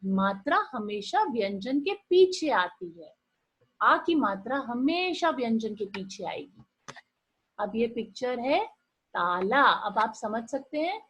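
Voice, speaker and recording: A woman teaching small children in a sing-song voice that rises and falls widely. She sounds a little husky and slightly high, and she speaks very slowly so each sound comes through clearly. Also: a bit bright, muffled recording. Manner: slow, sing-song and encouraging, drawing out sounds and asking the children questions. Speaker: primary school teacher. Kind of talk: online Hindi lesson for young children.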